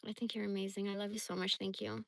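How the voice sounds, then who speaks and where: A woman's voice: mid-range voice, level tone, fast, creaky, dry recording. A woman from the Bay Area telling rambling personal stories on a casual livestream, blunt and profane. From San Francisco Bay Area. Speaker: livestream host.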